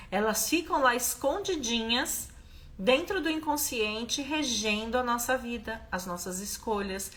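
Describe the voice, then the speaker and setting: A woman's voice: mid-range voice, fairly bright tone. A Brazilian woman hosting a live stream, talking emphatically and stressing points with repeated questions. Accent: Brazilian Portuguese. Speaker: host of a live stream, therapist.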